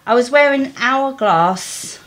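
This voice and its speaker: A woman with an East London accent, reading a story aloud with blunt, chatty asides in an animated way. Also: high voice, slow. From East London, England.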